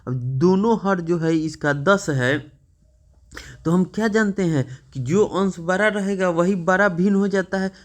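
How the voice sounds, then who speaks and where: Unhurried and patient, a male math teacher leads a lesson in a slightly high voice. He keeps asking questions and often pauses to check in with an "okay".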